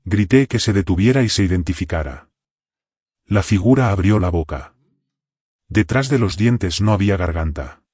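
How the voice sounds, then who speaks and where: A man with a low voice tells a military horror story in the first person. His scripted delivery keeps a tense, controlled edge. The recording is close and dry. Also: a little mellow, no room sound. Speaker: narrator.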